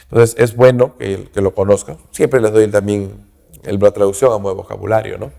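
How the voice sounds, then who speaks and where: A man with a gravelly voice and little pitch movement teaches an English grammar lesson slowly and repetitively, checking in with "¿no?" and "¿ok?" after nearly every phrase. He says English words louder and higher before translating them. A long hall reverb colours the recording.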